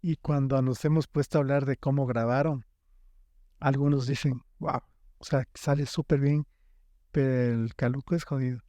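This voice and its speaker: A man's voice: medium pitch, steady tone, moderate pace, dark tone, no echo. A man from Ecuador hosting a podcast interview, prompting his guest with questions and short agreeing interjections. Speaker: podcast host.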